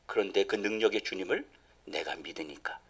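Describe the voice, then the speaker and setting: A middle-aged male pastor preaching a sermon, swinging from loud emphatic lines down to near whispers. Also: fairly low pitch, fairly quick. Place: church sanctuary.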